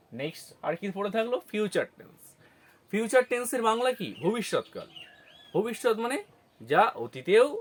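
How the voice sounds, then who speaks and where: A man teaching an English grammar lesson, asking questions and answering them himself, spelling words out syllable by syllable. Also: high voice. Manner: slow, syllable-by-syllable explanations with self-answered questions.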